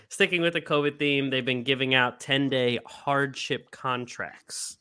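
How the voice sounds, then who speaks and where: A man hosting a casual podcast, his voice bright and clear in the middle pitch range. He chats loosely, laughing often and leaning on fillers. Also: fairly even intonation, takes it slowly. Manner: laughs a lot, many fillers. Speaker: podcast host. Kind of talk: casual chat.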